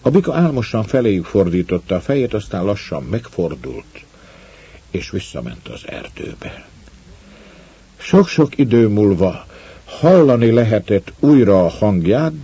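A man narrates a story at a slow, measured pace. His voice is deep and husky. The recording sounds dull and lo-fi. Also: warm tone. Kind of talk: audiobook narration.

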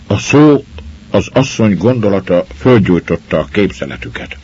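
A man with a husky voice reading a folk tale aloud in a measured, expressive way. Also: deep voice. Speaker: storyteller. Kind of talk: scripted story narration. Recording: muffled lo-fi recording.

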